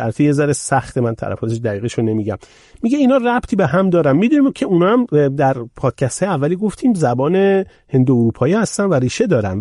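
A man hosting a podcast, reading out listener questions and adding lively asides of his own. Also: medium pitch, no room sound, clean studio sound. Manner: curious, reads out listener questions, animated asides. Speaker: podcast host. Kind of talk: podcast conversation.

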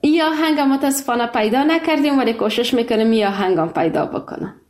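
A woman's voice: on the high side, a little mellow, reverberant. A woman hosting a live radio call-in show, polite and formal with callers.

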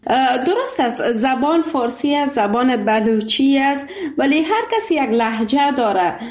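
A woman's voice: high-pitched, animated, a little mellow, roomy sound. A woman hosting a live radio call-in show, polite and formal with callers.

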